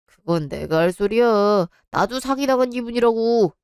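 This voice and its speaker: A woman voicing a cold, dismissive young husband who talks curt and flat. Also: on the high side, moderate pace, clean tone, no echo, studio quality.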